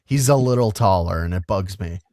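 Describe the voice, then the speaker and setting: A man hosting a podcast in casual chat, talking in animated swings between loud and quiet and cursing freely. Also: deep voice, a little fast, no room sound, clean studio sound. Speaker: podcast host.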